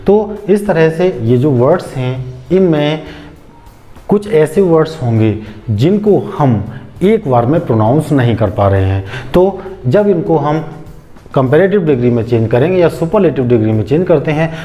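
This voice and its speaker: A man, an English teacher explaining grammar slowly, step by step, and asking rhetorical questions as he goes. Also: a little high, animated, mellow, soft background music.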